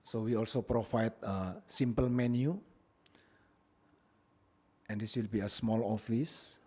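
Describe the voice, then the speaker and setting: At a public hearing in a council chamber, an Indonesian-born man lays out his business plan at the podium mic. His lowish, darkish, husky voice stays plain, broken up by many pauses and filler words.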